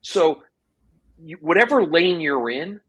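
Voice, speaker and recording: A man's voice: a little high, expressive, breathy edge, poor audio. A man co-hosting a casual golf podcast, enthusiastic about equipment and teasing his co-host. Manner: teasing, enthusiastic, quick to joke.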